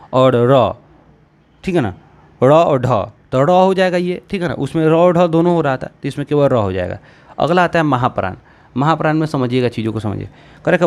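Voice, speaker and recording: A young man teaching a grammar lesson, explaining patiently step by step and checking in often with his students. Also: a little high.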